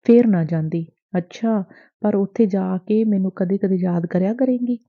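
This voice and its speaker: A woman's voice: medium pitch, moderate pace, lightly acted. A woman voicing an earnest, lovesick young man in an audiobook, close to her own voice. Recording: dry, tinny phone-like sound.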